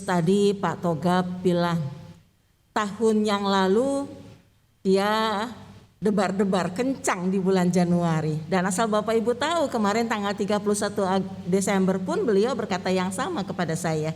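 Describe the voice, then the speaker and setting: A woman pastor giving a conversational sermon, chatting with the congregation, asking them questions and laughing often. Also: mid-range voice. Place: church. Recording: reverberant church hall.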